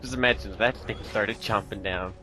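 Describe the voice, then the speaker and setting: A man's voice: lowish voice, fairly quick, pushed and bright, faint music behind. A man casually commenting on a video game with a friend, playful and joking. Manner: chatty, playful, joking asides. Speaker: let's play commentator.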